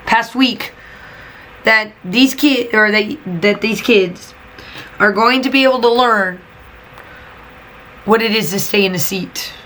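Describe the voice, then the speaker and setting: This teacher, who hosts a scrapbooking channel, is losing her voice as she chats and vents in a casual voiceover, repeating herself for emphasis. Her tone is fairly bright and a little high, recorded on a voiceover mic with poor audio and slight background noise.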